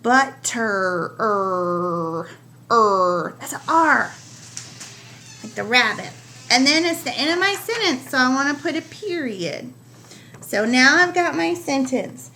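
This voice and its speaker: A woman teaches young children to write, stretching each word into slow separate sounds. Her voice sits a little high. A faint hiss runs under the recording. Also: expressive, sharp tone. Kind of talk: home-recorded writing lesson for young children.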